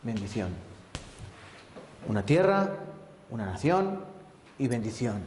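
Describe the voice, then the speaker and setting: A man's voice: mid-range voice, very animated, takes it slowly, a little mellow, slight background noise. A man teaching a Bible sermon as an evangelist, often asking the congregation questions and checking with tag questions. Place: church. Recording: echoey church hall.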